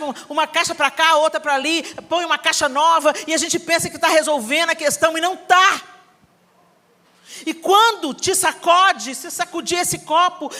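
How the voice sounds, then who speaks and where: A middle-aged Brazilian woman preaching a sermon, telling a family story with animated acting and bursts of shouting. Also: sits high. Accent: Brazilian Portuguese. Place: church hall. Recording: reverberant hall, live sermon.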